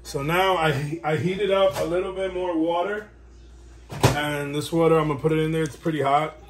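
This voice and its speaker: Working as he talks, a man who breeds dogs chats his way casually through a how-to video filmed at home, with plenty of background noise. He speaks at a moderate pace in a fairly high, steady voice.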